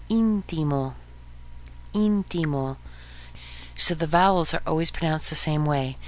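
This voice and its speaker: Low-voiced woman teaching Spanish pronunciation. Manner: slow, clear modeling of sounds for repetition. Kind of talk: podcast pronunciation lesson.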